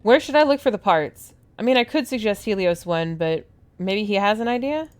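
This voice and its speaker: A woman's voice: medium pitch, expressive, normal speed, clean tone. Playful woman doing casual gameplay commentary. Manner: playful, reacting aloud to characters. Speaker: gamer playing through a game. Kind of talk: casual gameplay commentary, reading dialogue choices aloud.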